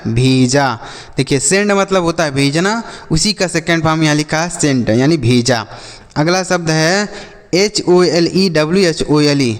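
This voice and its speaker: A man teaching an English vocabulary lesson, spelling words letter by letter and asking questions that he answers himself. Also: on the high side. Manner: asks questions and answers them himself, addresses viewers as children. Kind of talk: classroom-style vocabulary lesson. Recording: long hall reverb.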